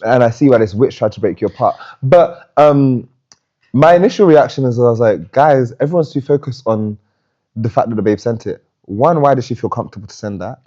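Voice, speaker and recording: Outspoken, profane podcast host. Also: female voice, very deep voice, a little fast, dark tone, highs cut off. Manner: outspoken, profane, laughs often. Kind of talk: casual podcast chat.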